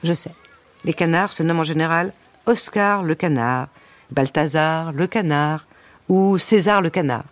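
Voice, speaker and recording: Woman gently reading a children's story. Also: low voice, unhurried, dry recording. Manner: gentle, wry narration with asides.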